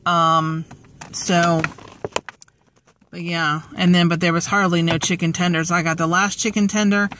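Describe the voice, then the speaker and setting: In this rambling, casual vlog, a woman talks to her phone at arm's length while parked in her car, full of jokes and fillers. She speaks in a lowish, level tone at a measured pace, and the background is noisy.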